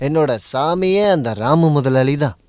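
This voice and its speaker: A man's voice: on the high side, moderate pace, darkish tone, slight background noise, close to an everyday voice. An actor playing a simple-minded, bumbling male servant who rambles and whines in a dubbed film. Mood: tipsy rambling. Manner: rambling and whiny, later tipsy.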